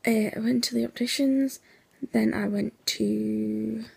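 A young woman rambles through a casual vlog chat. Her voice is hoarse and nearly gone, a gravelly, breathy half-whisper. She sounds drowsy, piling on fillers as she talks. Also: on the high side, steady tone, measured pace, a little mellow. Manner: rambling, chatty, with many fillers. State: sleepy, yawning. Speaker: vlogger.

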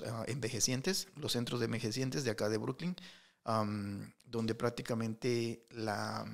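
A middle-aged man telling anecdotes in a casual interview, with lots of fillers and restarts. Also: medium pitch. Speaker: interview guest, entrepreneur. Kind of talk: casual storytelling.

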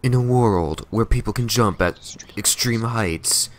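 A man putting on the voice of an epic male movie-trailer narrator, slow and hushed. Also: on the low side, a little hiss or hum, natural voice. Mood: dramatic.

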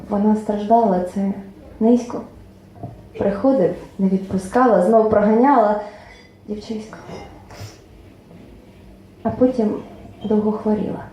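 A woman poet reciting her own verse at a book presentation, expressive, with lines that trail off softly into near-whispers. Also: mid-range voice. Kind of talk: poetry reading at a book presentation. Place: club event hall. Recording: very echoey hall, faint room noise.

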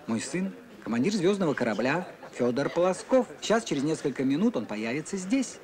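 An actor playing a courteous, eccentric elderly gentleman in a children's sci-fi film, formal and theatrically polite. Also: a little high, big pitch swings, brisk. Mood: courtly.

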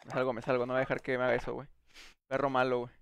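A man's voice: medium pitch, completely flat delivery, very fast, creaky, a little hiss or hum. A man with a Mexican accent, live-streaming a game in a casual, slangy, chummy way, thanking viewers by name. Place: home gaming setup. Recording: loud in-game gunfire behind voice.

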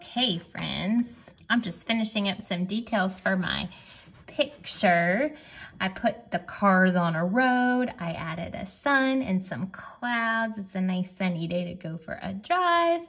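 A woman leads a children's drawing lesson at an unhurried pace. Her voice has a soft huskiness, and she sounds out letters patiently for young learners. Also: mid-range voice, expressive. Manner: slow, gentle, sounds out letters. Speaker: teacher.

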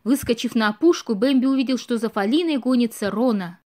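A woman reading a storybook audiobook aloud with expressive storytelling. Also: on the high side, brisk. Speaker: audiobook reader. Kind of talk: storybook narration.

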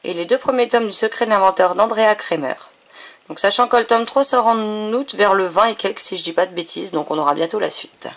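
A woman's voice: medium pitch, brisk, fairly bright tone. A woman vlogger chatting casually through a bookshelf tour, listing titles and often correcting herself, a little short on sleep. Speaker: book vlogger.

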